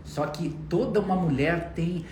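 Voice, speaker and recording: A man co-hosting a casual chat, speaking in a relaxed, joking way. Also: a little high, unhurried. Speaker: co-host. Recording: echoey room, faint background noise.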